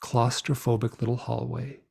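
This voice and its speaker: A middle-aged man with a gravelly, fry-edged voice tells a story at length as an interview guest. He talks in a rambling, animated way, full of fillers and restarts. His pitch sits in an ordinary middle range. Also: moderate pace.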